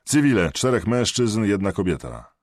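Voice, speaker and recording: A disciplined Marine sergeant gives short, formal reports, composed yet loud and out of breath, as a male audiobook narrator puts him on. His husky voice is raised above the narrator's low register, and the sound is dry and close. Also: lively intonation, moderate pace, dry recording. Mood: steady.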